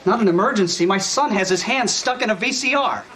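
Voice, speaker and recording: A man's voice: high-pitched, a little fast, very noisy, close to an everyday voice. A man playing an irate, short-fused father. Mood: furious. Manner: belligerent, shouting complaints. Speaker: waiting-room patient's father. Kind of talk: sitcom acting.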